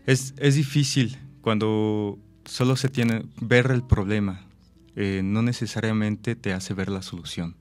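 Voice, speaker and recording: A man's voice: fairly low pitch, fairly even intonation, a little slow, faint music behind. A man, an actor and director, explaining his ideas thoughtfully with examples and rhetorical questions. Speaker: actor and director, interview guest. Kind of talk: reflective interview talk.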